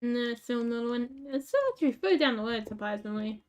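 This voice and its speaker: A rural Australian woman who makes gaming videos for YouTube chats casually while playing, rambling, filler-heavy and self-mocking. Her voice is a little high with a darkish tone, and she speaks at a quick pace.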